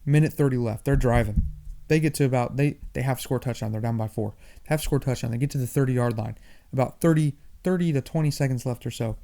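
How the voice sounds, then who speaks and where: A young man hosting a sports podcast, talking fast and animated in a casual monologue, often repeating himself. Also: medium pitch. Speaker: podcast host.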